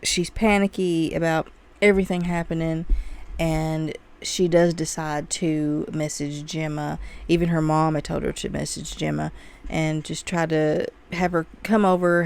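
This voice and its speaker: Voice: medium pitch, flat delivery, moderate pace, vocal fry. A movie reviewer giving a casual, chatty spoiler recap of a film, full of "like" and "you know".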